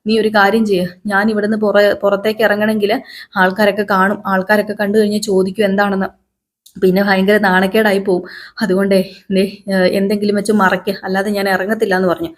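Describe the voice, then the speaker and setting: Dramatic, complaining middle-aged mother, played by a woman narrator, fast and fretful. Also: mid-range voice, flat delivery, close to an everyday voice. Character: fussy middle-aged mother, a dance teacher.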